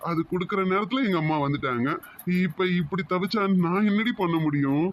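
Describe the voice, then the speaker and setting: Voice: medium pitch, animated, a little fast, a little hiss or hum, natural voice. Someone voicing a teasing protective young man. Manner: teasing, reassuring. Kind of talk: amateur audio romance story.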